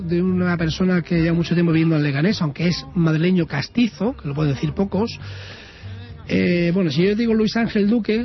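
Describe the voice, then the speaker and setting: A man hosting a local radio interview, talking in a halting way with many pauses. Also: high-pitched. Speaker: radio host. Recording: muffled radio broadcast.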